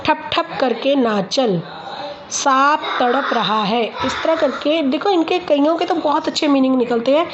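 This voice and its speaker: A woman from Punjab, a mother, casually explaining how she practises sounds and sentences with her child, slowing down to model each sentence clearly. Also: high-pitched, lo-fi sound, a little hiss or hum.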